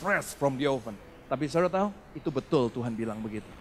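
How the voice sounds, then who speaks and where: A man's voice: medium pitch, quick pace, slight background noise. A male pastor preaching a sermon, telling stories and calling for amens from the congregation. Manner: animated storytelling with congregation call-and-response.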